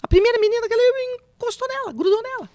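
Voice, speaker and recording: A woman telling an emotional personal testimony, slipping into soft whispers and a preaching tone. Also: very high-pitched, fast talker, no echo, clean studio sound. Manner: emotional, drops to soft whispers when recounting quotes; preaching tone on spiritual points. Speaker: guest giving testimony.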